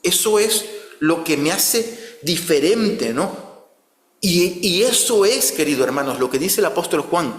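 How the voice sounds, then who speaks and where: A man's voice: on the high side, lively intonation, a little slow. A man preaching a conversational sermon, often ending his phrases with a questioning tag. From outside Spain. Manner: frequent "¿no?" tag questions, restarts. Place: church hall. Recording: echoey church hall.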